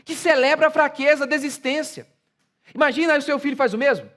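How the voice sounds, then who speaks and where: A man's voice: extremely high pitch, fast, a bit bright. A man with a Brazilian Portuguese accent preaching a sermon as pastor, emphatic, asking rhetorical questions and mocking the attitudes he criticizes.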